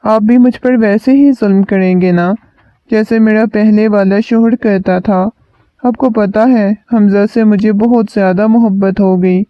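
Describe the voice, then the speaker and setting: A man reading the lines of a shy, feverish young wife in a soft, pleading tone, on a dull lo-fi recording. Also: high-pitched, fairly even intonation, clean tone, no room sound, lightly acted.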